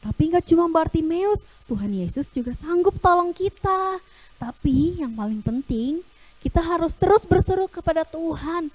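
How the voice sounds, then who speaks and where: A young woman teaching Sunday school over a video call, telling a children's story with lively, animated delivery. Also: very high voice, normal speed, no echo. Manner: animated, acts out characters' lines.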